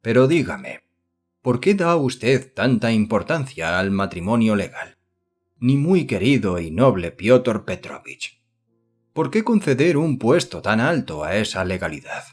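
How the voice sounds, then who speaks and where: A man voicing an earnest, excitable young idealist who speaks eagerly and effusively in an audiobook. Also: fairly low pitch, a little slow, faint music behind.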